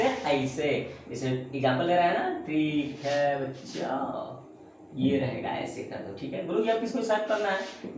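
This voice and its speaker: A man's voice: medium pitch, darkish tone. A male teacher explaining a math lesson to students, calling them beta and voicing their questions himself. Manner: calls viewers beta and bachcha, voices students' questions himself. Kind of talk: classroom math lesson on video. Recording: very echoey room, faint ambient noise.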